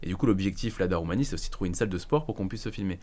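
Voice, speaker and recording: A man's voice: low voice, expressive, racing, darkish tone. A man, co-hosting a casual podcast chat, rambling with many fillers and restarts. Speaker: podcast co-host. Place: podcast studio.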